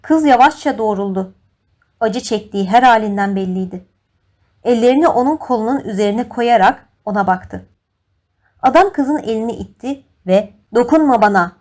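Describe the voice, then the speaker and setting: A woman with a fairly high voice reads a classic novel aloud as an audiobook narrator. Her delivery is measured and expressive, in the style of scripted narration.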